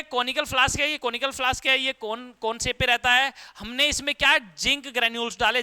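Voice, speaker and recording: Here a male chemistry teacher explains lab work in a classroom lesson, speaking in a very high, bright, pushed voice that stays clean. He fires questions at the class, supplies the answers on his own, and addresses the students as "beta" in a teacherly way.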